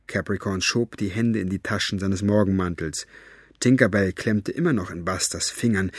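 A man reading an audiobook with expressive storytelling narration. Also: on the low side, husky, no room sound, clean studio sound. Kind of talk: scripted narration.

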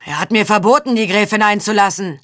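A woman's voice: mid-range voice, brisk, fairly bright tone, pitched above the performer's own voice, close to an everyday voice. A woman voicing a suspicious male castle gatekeeper who barks curt questions, in an audiobook. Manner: barking, curt. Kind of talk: audiobook character voice.

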